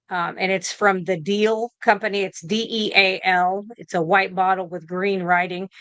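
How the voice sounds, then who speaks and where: In a casual video-call interview, a nurse in her fifties answers questions as a guest, rambling with fillers and restarts. Her medium-pitched voice sounds pushed and bright, and the recording is dry.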